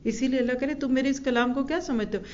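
A woman's voice: high voice, darkish tone, muffled recording, slight background noise. Woman teaching a religious lesson. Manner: poses rhetorical questions to listeners; recites Arabic verses slowly. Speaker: Quran teacher.

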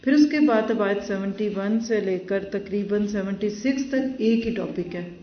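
A woman's voice: medium pitch, a little hiss or hum. A woman leads a Quran lesson, reciting verses and then explaining them steadily. She sits well back from the mic, and the room adds a noticeable echo. The recording is dull and lo-fi. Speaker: Quran teacher. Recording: roomy, distant, dull lo-fi recording.

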